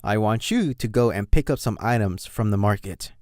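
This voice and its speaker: A man's voice: fairly low pitch, expressive, normal speed, darkish tone, dry recording, studio quality, lightly acted. A man voicing a grumpy young adult male pony, curt and threatening toward his little brother.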